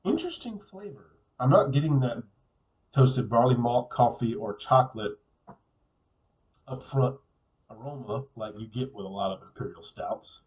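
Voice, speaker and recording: A man casually reviewing a beer on his own, relaxed and musing, often repeating words as he thinks aloud. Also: medium pitch, far from the mic, lo-fi sound.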